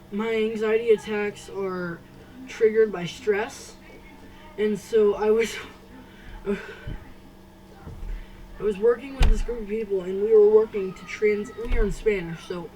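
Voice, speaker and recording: A teenage girl telling a personal story to camera, halting, with many restarts and fillers. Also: mid-range voice, dark tone, distant mic, a little hiss or hum, poor audio. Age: teens. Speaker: vlogger. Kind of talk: casual storytime.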